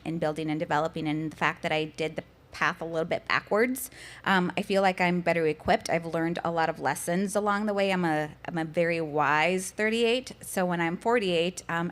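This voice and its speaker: Woman, thirties, podcast guest, earnest, frequent ums, lowish voice. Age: 30s. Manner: earnest, many "um"s. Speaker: panel guest. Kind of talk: casual panel talk.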